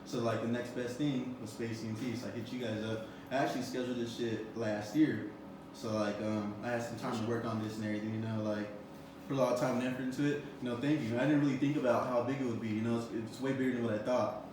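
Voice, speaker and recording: A young man in his twenties hosts a casual interview, his delivery quick and level with little rise and fall. He rambles, stacking fillers as he goes. His voice sits back from the mic in a roomy, echoing space with steady noise behind it. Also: mid-range voice. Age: 20s. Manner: rambling, many fillers like "you know" and "um". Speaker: interview host. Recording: roomy echo, far from the mic, background noise.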